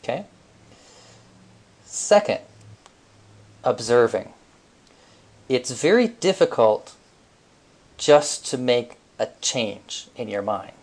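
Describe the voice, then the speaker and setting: A man on a podcast explaining a mind technique step by step, relaxed, with frequent fillers. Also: medium pitch, slow, pauses often. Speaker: podcast co-host. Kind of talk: casual teaching talk.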